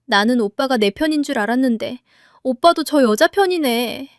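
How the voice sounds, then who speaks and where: A woman's voice: high-pitched, lively intonation, moderate pace, no room sound, studio quality. A woman voicing a whiny, self-pitying young sister-in-law who complains shrilly.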